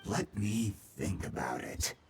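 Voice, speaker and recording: An actor voicing a menacing, short-tempered bandit kidnapper in a video game, with a sneering, theatrical delivery. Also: male voice, low voice, animated, slow pace, a little mellow, far from the mic, slight background noise. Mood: sneering menace. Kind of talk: English video game voice acting.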